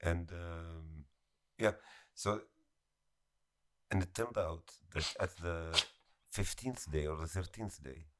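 Podcast co-host, man, very low pitch, bright edge, meandering tales. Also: takes it slowly. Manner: rambling storyteller, chuckling often. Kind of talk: casual podcast chat.

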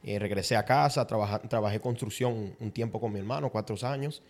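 A man's voice: lowish voice, fairly quick. A young man, a podcast guest chatting about his start in real estate. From Dominican Republic. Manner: relaxed, chatty, many restarts and fillers like sabes. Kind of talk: casual podcast chat.

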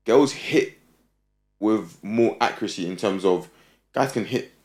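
A man's voice: fairly low pitch, measured pace, darkish tone. A young man with a London roadman accent, talking casually and conversationally in street slang.

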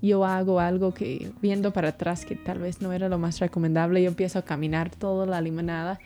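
A woman from the United States, a guest telling a lively personal story and acting out the people in it. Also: lowish voice, fairly quick, faint music behind. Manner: animated, acts out the people in her story.

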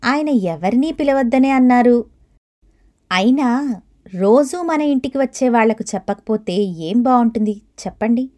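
A woman reading the lines of a kind, respectful young wife who speaks warmly and persuasively, in storybook narration. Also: on the high side, lively intonation, unhurried. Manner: warm, persuasive.

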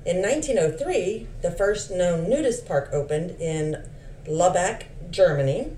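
A woman with a low, mellow voice that swings widely in pitch, reading history notes aloud for a podcast. She drops playful asides between the facts. The recording is roomy and slightly distant, with a faint hiss. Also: lively intonation, a little slow. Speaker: podcast co-host.

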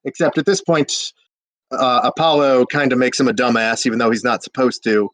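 A man's voice: medium pitch, steady tone, a little fast, fairly bright tone, no room sound, low-quality recording. A drunk young man retelling an old epic in a rambling, slangy way, with hiccups and lots of fillers. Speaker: drunk storyteller.

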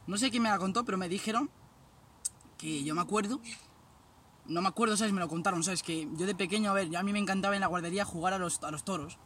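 A man's voice: high voice, fast talker, a bit bright, recorded from a distance, a little hiss or hum. A young man, rambling through casual anecdotes and constantly saying "sabes". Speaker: guest. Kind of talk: casual chat, telling anecdotes.

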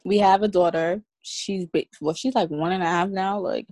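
A woman's voice: on the low side, fairly even intonation, normal speed, a little mellow, no echo. A woman in her twenties from Queens, speaking as a podcast guest in a casual, slangy, candid way. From Queens, New York. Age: 20s. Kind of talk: casual interview.

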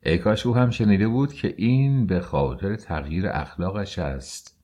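Deep, husky male audiobook narrator. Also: warm tone. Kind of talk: scripted narration.

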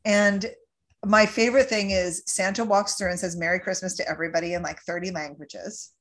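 A woman's voice: lowish voice, fairly even intonation, brisk, fairly bright tone. Chatty Canadian woman in her forties. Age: 40s. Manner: chatty, jokey, recaps the film plot. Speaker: podcast host. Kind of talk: casual chat.

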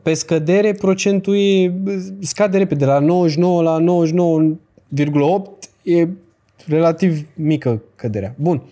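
A man's voice: fairly high pitch, mellow. A young man from Romania giving casual, blunt advice in a podcast chat, full of slang and rhetorical questions. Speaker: crypto guest.

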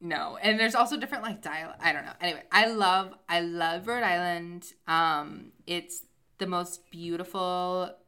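Young woman podcast cohost, rambly and excited, kinda low but bright voice. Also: measured pace, smooth. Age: young adult. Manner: enthusiastic, rambling, self-deprecating. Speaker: podcast co-host. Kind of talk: casual chat.

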